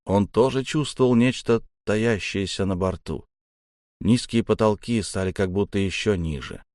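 Casting: man with a low voice narrating a dark audiobook, measured, dry studio sound. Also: no echo. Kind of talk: first-person audiobook narration.

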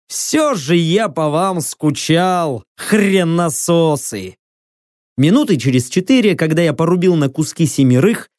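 A man reading a first-person fantasy novel aloud, in a gruff, coarse and unhurried way. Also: on the high side, dark tone, no room sound, clean studio sound. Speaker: audiobook narrator. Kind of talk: first-person audiobook narration.

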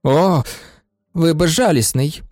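A man voicing an overwrought, theatrical male swindler who talks in a high, agitated, melodramatic way in a storybook reading. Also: slow pace, a little mellow, dry recording, faint music behind. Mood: pleading.

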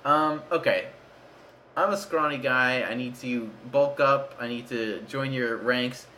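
A man's voice: mid-range voice, a little slow, pushed and bright, a little hiss or hum. A man hosting a comedy sketch, playing the eager straight man and laughing often. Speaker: host.

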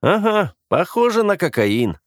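A man voicing a cheerful, slightly shy young man who is quietly amused, in a dry, close recording. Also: high-pitched, big pitch swings, measured pace, no room sound, pitched above the performer's own voice.

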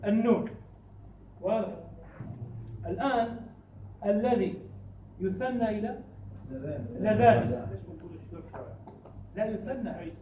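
A man teaching a classroom lesson in a high voice, pausing to fire questions at his students and chanting verse lines slowly. He sounds far from the mic in an echoey room, with faint background noise. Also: warm tone, lo-fi sound. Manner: quizzes students with repeated questions. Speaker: teacher of Arabic grammar.

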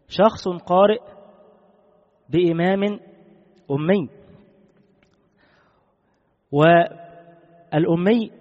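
Man teaching, reverberant dull recording. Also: on the high side. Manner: measured, repeats key rulings. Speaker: Islamic law teacher. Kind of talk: classical text lesson.

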